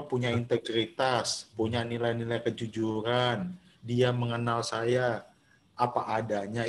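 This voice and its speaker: A man's voice: mid-range voice, slight background noise. A man, a pastor leading a Bible study over a video call, talking conversationally with many fillers and restarts. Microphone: video call microphone.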